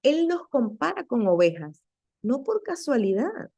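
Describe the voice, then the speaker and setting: Earnest woman teaching the faith, mellow tone. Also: sits high, unhurried, slightly rough, lo-fi sound. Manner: earnest, animated, checks in with rhetorical questions. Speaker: women's ministry teacher. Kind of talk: conversational devotional teaching.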